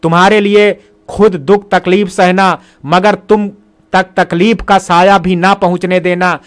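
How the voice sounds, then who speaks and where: A man's voice: sits high, little pitch movement, unhurried. A man voicing a tearful, loving middle-aged mother who pleads emotionally in an audio story. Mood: hurt, pleading.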